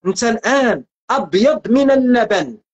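A man's voice: extremely high pitch, lively intonation, fast, muffled recording. Earnest Moroccan man preaching with repetition. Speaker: religious guest speaker. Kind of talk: spiritual teaching talk.

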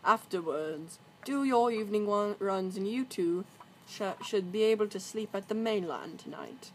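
A woman voicing a stern male railway controller who speaks firmly and calmly. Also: medium pitch, moderate pace, slight background noise, lightly acted. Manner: firm, calm, commanding. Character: stern booming railway boss man.

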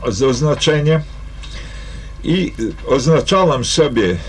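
Older man teacher, archival recollection, deliberate, halting with fillers. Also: on the high side, expressive. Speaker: teacher at a fishing school.

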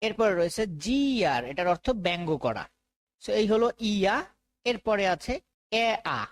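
A woman's voice: mid-range voice, very animated. Bangladeshi woman drilling English sounds. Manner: slow drilled repetition of sounds. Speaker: teacher. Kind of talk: phonics lesson for teachers.

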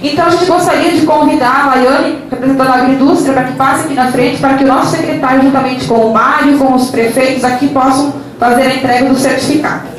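A woman's voice: high voice, fairly even intonation, fast. A young woman presenting at a ceremony into a handheld mic in a large meeting room, with frequent tags and fillers. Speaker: event presenter. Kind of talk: ceremony hosting. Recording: echoey room with background noise.

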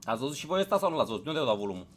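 A man hosts a casual live stream with a mid-range voice and big pitch swings, over slight background noise. He chats with viewers, greets them one by one by name, repeats himself and keeps urging them to hit like.

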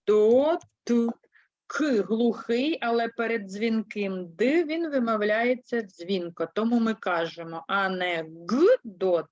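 Slow, patient primary school teacher woman. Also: medium pitch, no echo. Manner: slow, spelling words out syllable by syllable; patient, explaining step by step. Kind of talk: third-grade language lesson. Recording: dull, lo-fi dry sound.

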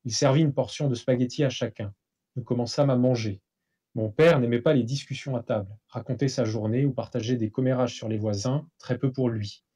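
A man, a novelist, reading a passage from his own book aloud in a steady, measured way. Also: mid-range voice, slightly rough. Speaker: author.

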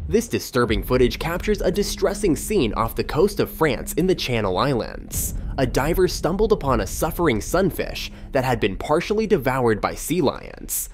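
Nature documentary narrator: dramatic scripted voice-over with wide, animated pitch swings, set over music. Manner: dramatic, presentational delivery. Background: background music.

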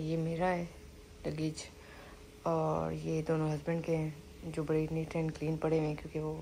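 Low, gravelly-voiced woman vlogging. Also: mellow, slight background noise. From Pakistan. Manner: chatty and confiding, mixing in English words. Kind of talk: casual travel vlog to camera. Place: hotel apartment room, indoors. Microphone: phone camera set at a distance.

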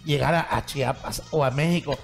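A man, a comedian co-host, telling a joke on a talk show in an animated, laughing way. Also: on the high side, moderate pace, vocal fry, over loud music.

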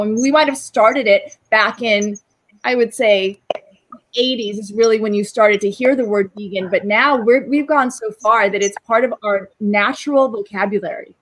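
A woman's voice: on the high side, a little hiss or hum, poor audio. A woman guest on a panel over a video call, speaking from a room at home in an enthusiastic, persuasive way.

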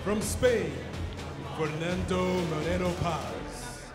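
A man working as a ring announcer, introducing fighters in a booming fighting-game announcer style with drawn-out names. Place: large indoor event hall. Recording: echoey arena announcement over music. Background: music.

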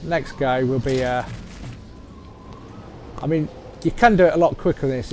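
A man's voice: mid-range voice, slight background noise. A man giving a loose, rambling gameplay walkthrough as he plays. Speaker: gaming channel host. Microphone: voice-over on gameplay capture. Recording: game music loud behind voice. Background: game music.

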